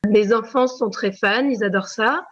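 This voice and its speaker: A woman's voice: a little high, moderate pace, highs cut off, a little hiss or hum. A woman from France who teaches preschool, giving a spontaneous testimonial full of hesitations and fillers. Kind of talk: testimonial interview.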